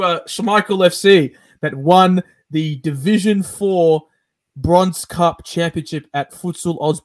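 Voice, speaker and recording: A man's voice: a little high, no echo. A man from South Africa hosting a casual sports podcast, upbeat and hesitant, with many fillers. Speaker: podcast host.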